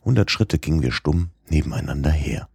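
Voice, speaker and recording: A male audiobook narrator with a very deep, husky voice. He reads a classic novel in a measured, even way. The sound is dry and close. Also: dry recording. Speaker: audiobook reader. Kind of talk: scripted narration.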